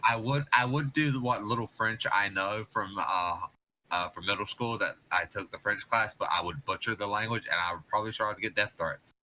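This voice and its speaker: A deep-voiced man with a bright, forceful edge plays a tabletop game. He is wry, and theatrical when in character. His dull lo-fi mic carries a faint hiss. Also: fairly quick. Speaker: player. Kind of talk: casual tabletop play.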